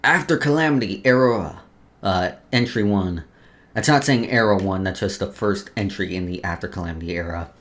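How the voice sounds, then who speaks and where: This man, a let's player, reads game lore aloud during casual commentary, tripping over the text and tossing in joking asides and informal swearing. He has a low-pitched but fairly bright voice at a moderate pace.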